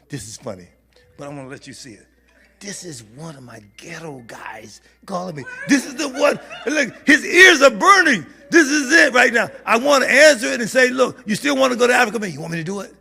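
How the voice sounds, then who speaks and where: A man preaching as a bishop at a church prayer meeting, animated and laughing, sometimes rising to shouts. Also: on the high side, vocal fry. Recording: hall reverb.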